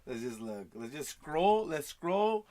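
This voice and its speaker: High-pitched frat bro guy. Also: very animated, takes it slowly, a little mellow. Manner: frat bro, slangy and profane. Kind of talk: casual chat.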